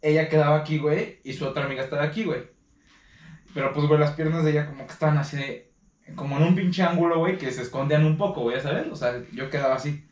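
A young man with a Mexican accent and a fairly high voice tells a story in slangy, animated chat, breaking into laughter. He sits a bit back from the mic in a roomy, echoing space. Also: quick pace, recorded from a distance. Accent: Mexican Spanish.

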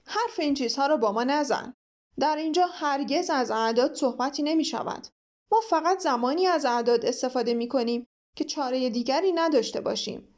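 Woman narrator as curt, commanding storybook king, high voice. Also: lightly acted. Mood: imperious. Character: bossy, impatient king of a fairy-tale court.

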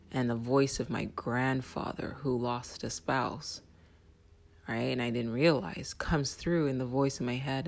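A vlogger giving an intense spiritual monologue with casual swearing, often dropping into soft whispers. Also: mid-range voice, vocal fry. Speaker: self-help vlogger.

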